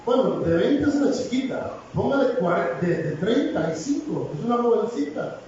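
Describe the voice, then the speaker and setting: A man delivers a lively, joking sermon in a high voice. He is picked up from afar in a very echoey church hall. The sound is dull, with a faint hiss underneath. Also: moderate pace, recorded from a distance. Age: 60s. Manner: humorous, animated, jokes with congregation. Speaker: preacher.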